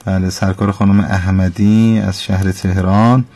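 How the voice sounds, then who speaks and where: A man's voice: low voice, level tone, dark tone. A man hosting a call-in radio program, patiently and politely correcting callers' recitation and pronunciation. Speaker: radio host teaching Quran recitation.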